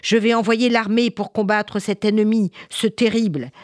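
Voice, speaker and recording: A woman voicing a brave, angry king giving loud commands in a children's story. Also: medium pitch, sing-song, unhurried, dry recording, studio quality, pitched above the performer's own voice. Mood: stern.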